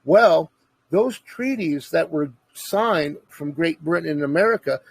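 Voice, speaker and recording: A man's voice: on the high side, animated, unhurried, vocal fry, husky, dry recording. A man in casual conversation, earnestly explaining his views at length in a lecturing way.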